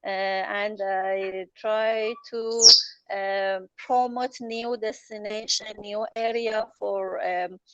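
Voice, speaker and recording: A woman from Iran, a Farsi-speaking journalist and travel writer, answers interview questions with hesitation, many fillers and false starts. Her mid-range voice is slow with fairly even intonation, and the lo-fi recording carries background noise.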